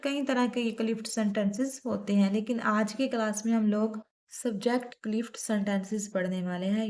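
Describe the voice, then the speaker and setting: A woman with a Pakistani accent teaches English grammar in a recorded lesson. She works through examples patiently, one step at a time. Her voice sits a little high. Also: a little mellow.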